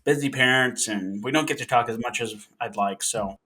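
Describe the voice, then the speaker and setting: A man's voice: medium pitch, normal speed, sharp tone. A man from Oklahoma hosting a casual podcast, easygoing and joking. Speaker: podcast host.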